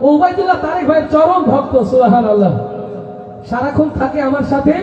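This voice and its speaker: A man's voice: very high voice, animated, fast, a little mellow. A man announcing on stage at a religious gathering, calling out to the crowd in rousing, half-sung lines. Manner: sings lines, chants, calls out to the crowd. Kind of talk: rousing stage hosting with chanted calls. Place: outdoor religious gathering with loudspeakers. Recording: echoey outdoor PA sound, far off, dull.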